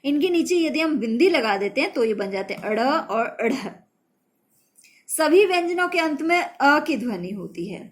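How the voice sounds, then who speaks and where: A woman teaching a children's grammar lesson, slow and patient, spelling out letters and sounds one by one. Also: fairly high pitch.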